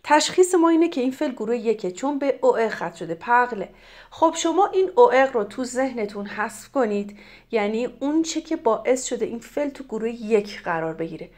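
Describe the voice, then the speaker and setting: A middle-aged woman from Iran teaching French grammar, explaining in Persian and reading French examples slowly and clearly. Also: a little high, lively intonation, darkish tone. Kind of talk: grammar lesson.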